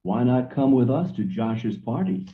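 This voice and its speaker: A man's voice: mid-range voice, expressive, measured pace, natural voice. A man playing a friendly guy making plans. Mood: inviting. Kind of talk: scripted textbook dialogue. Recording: tinny audio played over a call.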